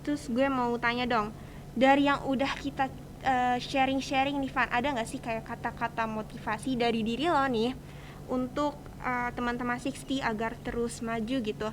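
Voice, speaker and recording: Hosting a casual student podcast, an Indonesian high school girl speaks colloquially with a Jakarta accent, chatty and encouraging as she interviews. Her higher-pitched voice holds a steady tone at normal speed, over faint background ambient noise.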